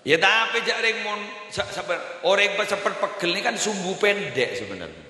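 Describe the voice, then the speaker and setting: A man preaching a comic Islamic sermon, telling stories animatedly, jumping from high squeals to low mutters and laughing along. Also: animated, normal speed, pushed and bright. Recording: echoey hall, faint background noise.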